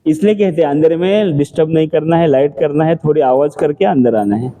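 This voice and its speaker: A man's voice: on the high side, brisk, mellow. A man giving a scripture class in a temple, talking conversationally and answering his own rhetorical questions. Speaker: temple lecturer.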